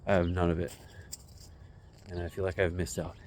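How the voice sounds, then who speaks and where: A man in his forties with a low, deep voice rambles casually into a phone held out on a selfie stick. He walks outdoors along a residential street, musing in a self-deprecating way, with faint noise in the background. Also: flat delivery, normal speed, a little mellow. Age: 40s. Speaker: vlogger. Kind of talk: casual walking vlog.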